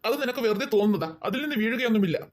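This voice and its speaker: A woman's voice: on the high side, animated, racing, close to an everyday voice. A woman voicing a stern, thrifty father of two girls in a cartoon, bossy and lecturing. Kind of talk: cartoon voice acting.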